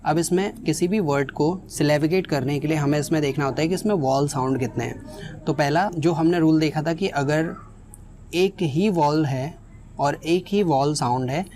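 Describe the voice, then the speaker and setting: A woman's voice: low voice, moderate pace, dark tone, slight background noise. A woman teaching English pronunciation, explaining step by step and mixing in English phrases. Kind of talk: spoken lesson with examples.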